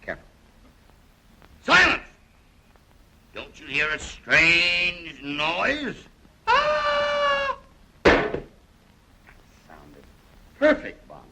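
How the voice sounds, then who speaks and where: A man's voice: medium pitch, sing-song, moderate pace, pushed and bright, slight background noise, exaggerated voice, poor audio. An actor playing a boisterous, showman-like American millionaire in a 1930s film. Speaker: American millionaire castle owner. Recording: old film soundtrack with music.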